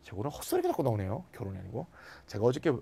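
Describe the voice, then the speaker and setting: A tired man lecturing on English grammar, acting out example sentences with lively emphasis. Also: mid-range voice, rapid-fire, gravelly, breathy edge. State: tired after a late night. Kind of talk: recorded classroom lecture.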